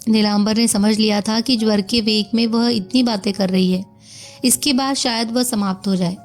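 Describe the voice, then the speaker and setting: Brief: woman storyteller, measured reading, faint music behind. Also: mid-range voice, fairly even intonation. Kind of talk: scripted story narration.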